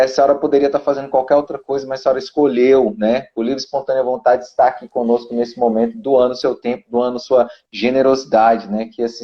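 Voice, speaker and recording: A man's voice: mid-range voice, lo-fi sound. A man and fellow teacher hosting a live online class, informal and jokey, effusive in thanking his guest. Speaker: co-host teacher. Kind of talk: live stream host chat.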